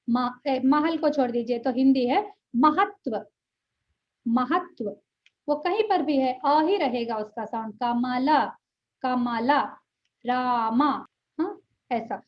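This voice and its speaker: Earnest high-voiced woman teaching pronunciation. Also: dull audio. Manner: earnest, checks in often with "ठीक है", drawn-out pronunciation demonstrations. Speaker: Sanskrit teacher. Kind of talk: online language lesson.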